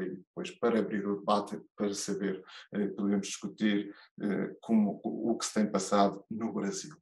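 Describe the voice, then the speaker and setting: A man's voice: on the low side, darkish tone, reverberant. A man with a European Portuguese accent, a judge and lecturer giving a conference keynote, hesitant, with many fillers and restarts.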